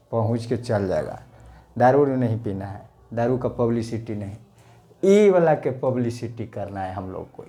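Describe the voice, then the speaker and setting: A man's voice: mid-range voice, mellow. A man with a Bihari accent giving a chatty, joking grammar lesson, asking questions and answering them himself. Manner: chatty and joking, asks questions then answers them, calls viewers sir. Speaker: English grammar teacher. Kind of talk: casual grammar lesson to camera.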